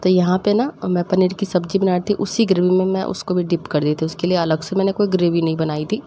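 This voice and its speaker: A young woman talks through a cooking video, telling family stories with frequent laughs and little acted-out quotes of her scolding mother. Her voice sits a bit low and mellow. A faint hiss of background noise runs under the recording. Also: little pitch movement, fast talker. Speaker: cooking vlogger. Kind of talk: casual storytelling while cooking.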